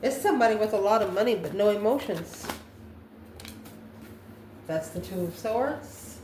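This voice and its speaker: Expressive and darkish in tone, this woman's medium-pitched voice moves at a normal speed as she improvises a tarot reading. She muses aloud and regularly answers the questions she raises. There's a roomy echo and faint noise behind her.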